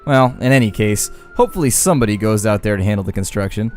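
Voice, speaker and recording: A man with a low-leaning voice talks quickly as he casually narrates a game playthrough, using homespun slang. Game music plays behind him.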